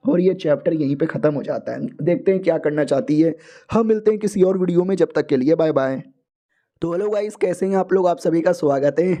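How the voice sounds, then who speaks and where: A man's voice: fairly high pitch, mellow. A man narrating a manga recap casually, chatty and colloquial, with asides to the viewers.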